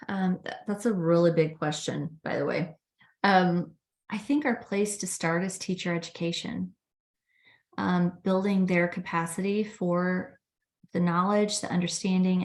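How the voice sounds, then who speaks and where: A woman guest talking casually in an interview, chatty and animated when retelling conversations. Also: lowish voice, a little slow. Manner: chatty, acts out quoted dialogue with laughs. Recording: roomy echo.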